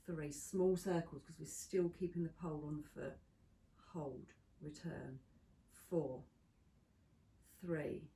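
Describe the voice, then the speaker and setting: A woman instructor leading a pilates class, counting down reps and giving steady step-by-step cues. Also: deep voice. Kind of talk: guided exercise class cueing. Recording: echoey room from a distance.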